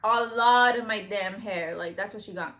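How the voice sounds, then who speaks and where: A woman's voice: medium pitch, normal speed, a bit bright. A woman telling a long story to her viewers in casual chat, rambling with lots of fillers and cursing freely. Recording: echoey room.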